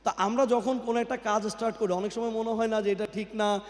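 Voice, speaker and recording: Speaking fast with fairly even intonation and a darkish tone, this high-voiced man is a guest speaker delivering a motivational talk at a company event. He quizzes the audience and slips English into his speech. His PA microphone picks up a long, cathedral-like reverb from the large indoor hall.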